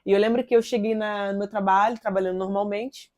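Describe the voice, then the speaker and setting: A woman's voice: medium pitch, fairly even intonation, a little fast, darkish tone. A Brazilian woman in her thirties tells a personal faith testimony in an earnest, conversational way, often adding little tag questions. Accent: Brazilian Portuguese. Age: 30s.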